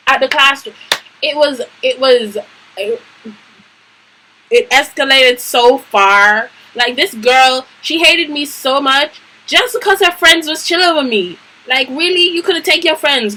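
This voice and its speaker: A young woman vlogger tells a story with emphatic, slangy energy. Her voice is bright and a little high, and she leans hard on each twist of the tale. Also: rough recording. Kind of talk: storytime vlog.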